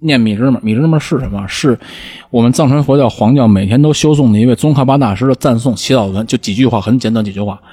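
A man with a Beijing accent telling stories in a casual chat, animated and acting out the shouts of the people in them. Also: mid-range voice, fast, hardly any pauses, husky. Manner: animated storyteller, acts out shouts. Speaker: podcast host, former lama.

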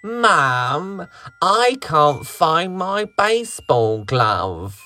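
A man voicing a young boy who keeps losing his toys and shouts for his mum in a high voice. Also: very animated, drawn-out words, exaggerated voice. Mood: calling out. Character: little boy Tommy, frantic about lost toys.

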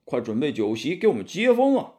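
A man's voice: on the high side, wildly swooping pitch. Zhu Bajie, a man voicing a blustering pig monk. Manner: loud, blustering and quick. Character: greedy, grumbling pig-faced monk. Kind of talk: children's storybook narration.

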